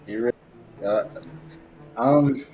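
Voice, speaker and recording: A man's voice: medium pitch, slow, highs cut off. A man playing a video game and commenting casually on it. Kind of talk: casual gameplay chat. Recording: game music behind the voice.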